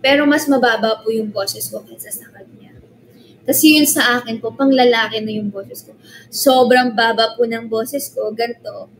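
A woman's voice: on the high side, low-quality recording. A young woman with a nasal, stuffy-nosed voice chatting casually on a live stream, giggling and greeting viewers by name. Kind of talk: casual live stream chat reading comments. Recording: steady background noise.

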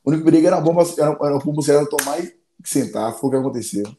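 A man's voice: a little high, rapid-fire, mellow, roomy sound, a little hiss or hum. A man, an MMA fighter telling stories in a casual interview, rambling and repeating phrases.

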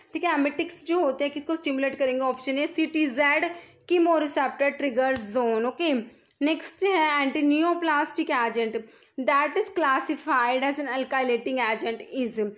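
A high-pitched woman walks through exam questions one by one. She explains each answer and repeats the key terms so they stick. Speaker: pharmacy exam tutor. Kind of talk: screen-recorded MCQ lesson. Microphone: voice-over on screen recording.

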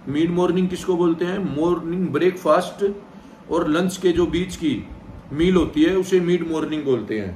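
A man in his thirties, a gym trainer, calmly talking viewers through a vegetarian meal plan from a sofa at home, checking in with them often. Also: on the high side, moderate pace, slight background noise. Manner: direct, repeats "theek hai" to check in with viewers. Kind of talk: casual instructional vlog. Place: indoor room, seated on a sofa. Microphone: far camera, no visible mic. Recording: echoey room, mic set back.

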